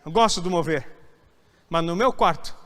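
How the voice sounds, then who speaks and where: A man's voice: fairly high pitch, moderate pace, bright, forceful tone. A man preaching an emphatic sermon as a pastor, now and then acting out whiny church members. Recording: hall reverb.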